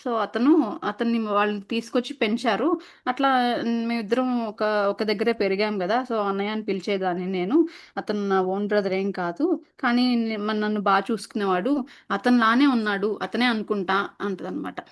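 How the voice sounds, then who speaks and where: A woman casually narrating a spiritual story in a chatty way, often pausing on filler sounds and restarting words. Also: mid-range voice, steady tone.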